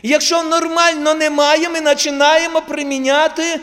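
A man's voice: extremely high pitch, level tone, normal speed, fairly bright tone. A man preaching a sermon to his congregation, putting rhetorical questions to them and telling homely stories from his own family life. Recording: long hall reverb.

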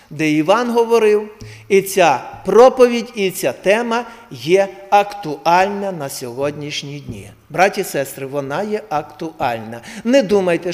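A man preaching a sermon, calling out to his congregation with impassioned swings from hushed to loud exhortation. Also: high voice. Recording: long reverb of a large hall.

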